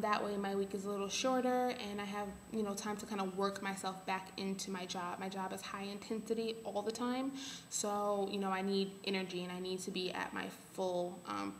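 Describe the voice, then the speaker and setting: A young adult woman giving a casual update to camera, halting as she thinks aloud. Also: medium pitch. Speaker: vlogger. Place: small bare room at home. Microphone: webcam or laptop at arm's length. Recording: echoey room, faint background hiss.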